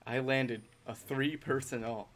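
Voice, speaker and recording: A man chatting while gaming, explaining his plays and making excitable callouts. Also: mid-range voice. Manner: quick play calls, excitable. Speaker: gamer. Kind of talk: casual chat while gaming.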